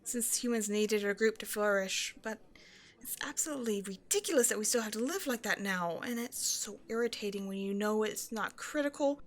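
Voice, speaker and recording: In an intimate one-sided roleplay, a woman plays a shy young woman full of self-doubt who rambles at a stranger, nervous and chatty. She's hesitant, apologetic, and giggly, overthinking everything out of nerves. The mid-range voice moves at a normal speed with light acting.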